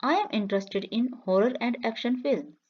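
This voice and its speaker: A woman reading English practice questions and answers slowly for learners, saying each line twice in a clear, measured way. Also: a little high, lo-fi sound. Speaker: English teacher. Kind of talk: slow repeated phrase reading for learners.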